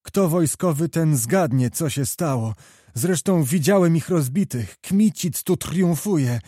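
A man voicing a small, fiery male knight who calls out battle news in an excited, breathless way. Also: on the high side, slow pace, husky, no room sound, studio quality, voice pushed up, heavily acted. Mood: curt.

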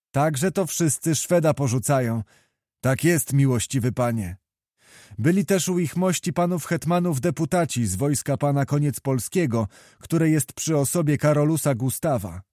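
A man's voice: a little high, mellow, no room sound, studio quality, close to an everyday voice. A man voicing a deferential courtier reporting news to his king, in a read-aloud historical novel.

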